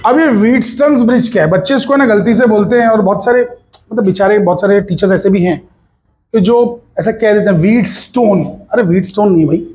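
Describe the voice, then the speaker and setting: High-voiced chatty physics teacher, man. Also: fast, a little mellow, slight background noise. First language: Hindi. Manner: chatty, coaxing, mixes Hindi with English and Marathi asides. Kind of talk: recorded online physics lesson.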